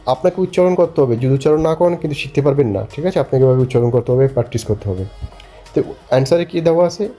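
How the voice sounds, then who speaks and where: A man's voice: mid-range voice, lively intonation, warm tone, soft background music. Patient man teaching a beginner class. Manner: patient, repeats phrases slowly for learners to copy; keeps asking if learners follow. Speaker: language teacher. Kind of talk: beginner language lesson.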